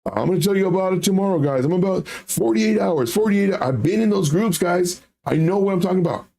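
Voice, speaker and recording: A man's voice: high voice, lively intonation, brisk, warm tone, voice pushed up. A man mockingly playing a pushy crypto bro, hyping with slangy, repeated catchphrases in a livestream impression. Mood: pushy hype. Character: hyped-up crypto bro pump-group leader and eager follower.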